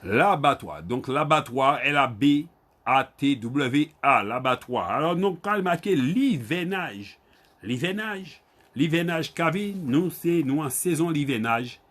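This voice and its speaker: Expressive and a bit bright, this slightly high-pitched man teaches an online Creole class with a Guadeloupean accent. He slowly repeats each word, spells it letter by letter, and names students to respond.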